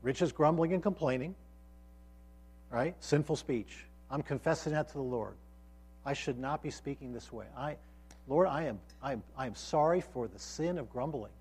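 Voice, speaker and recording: A man's voice: mid-range voice, normal speed, darkish tone, slightly rough. A man teaching a sermon to a college group, earnest and emphatic, often restarting phrases and checking in with his listeners. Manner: frequent restarts and repeated words. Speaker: college ministry pastor.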